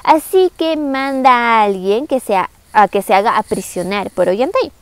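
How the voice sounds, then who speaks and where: A young Peruvian woman with a bright, high voice retells a classic book in a chatty vlog. She sounds animated and speaks straight to her viewers. Her voice is close and dry, with no room sound. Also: normal speed, no room sound. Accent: Peruvian Spanish. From Cusco, Peru. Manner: chatty, animated, direct address. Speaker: book summary vlogger. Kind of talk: casual story retelling.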